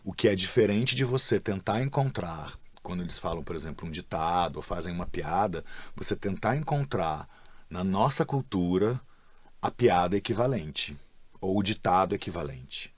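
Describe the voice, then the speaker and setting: A man's voice: deep voice, animated, moderate pace, no room sound. A man with a Brazilian Portuguese accent, a dubbing professional, speaking casually with slang in a documentary interview.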